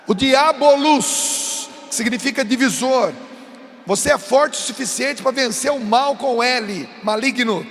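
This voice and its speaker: High-voiced Brazilian preacher shouting to youth. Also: male voice. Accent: Brazilian Portuguese. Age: adult. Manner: emphatic, shouting and coaxing the crowd. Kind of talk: sermon to a youth crowd. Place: large event stage. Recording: long reverb of a big venue, faint noise.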